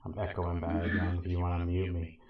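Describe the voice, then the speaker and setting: A man's voice: low voice, monotone, brisk, phone-quality sound, crowd noise. A man hosting a casual online chat, his voice echoing through a video call connection. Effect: echoing call audio. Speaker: host reading viewer questions. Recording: echoey call audio.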